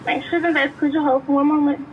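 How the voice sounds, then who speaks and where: High, quick woman through a drive-thru speaker. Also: little pitch movement, narrow, tinny audio. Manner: polite, brisk order-taking phrases. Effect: heard through a drive-thru speaker box. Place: fast-food drive-thru, heard from inside a car. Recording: noisy drive-thru speaker picked up from a car.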